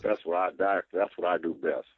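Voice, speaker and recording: A boxing trainer with a low, fairly even voice answers interview questions plainly and fairly quickly over a call, repeating words as he goes. The call audio is dry and muffled.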